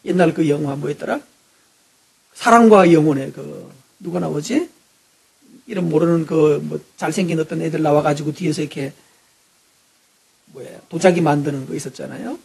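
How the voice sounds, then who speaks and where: A male pastor preaching a sermon, animated, swinging between loud emphasis and hushed asides, often asking the congregation questions. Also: on the high side, moderate pace, creaky, long pauses, slightly rough. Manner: asks the congregation frequent rhetorical questions.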